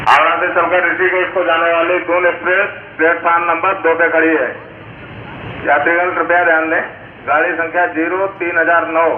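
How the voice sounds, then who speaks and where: A man making a formal train announcement over a railway station loudspeaker in a measured, flat manner. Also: on the high side. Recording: tinny, noisy platform loudspeaker from far off.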